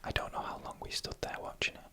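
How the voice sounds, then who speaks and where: In a hushed, breathy ASMR whisper, a narrator works through a scripted story, taking it slowly and deliberately and pausing briefly between phrases.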